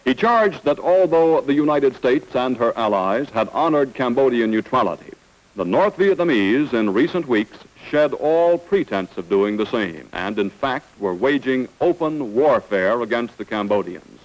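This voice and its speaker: A man's voice: mid-range voice, expressive, unhurried, rough recording. A man giving formal, scripted narration in the manner of an old newsreel announcer.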